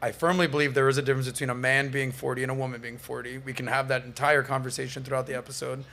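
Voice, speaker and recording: A man's voice: medium pitch, flat delivery, very fast, pushed and bright. A man in his forties hosting a casual panel podcast, cheering on his guests as he talks. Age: 40s. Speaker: podcast host.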